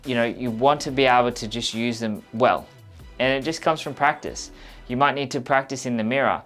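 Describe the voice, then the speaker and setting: A man with an average-pitched voice presents as a communication coach. He talks straight to the listener in a conversational, earnest way, repeating key points for emphasis. Faint music plays behind him. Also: brisk, a bit bright. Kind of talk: instructional talk, conversational coaching.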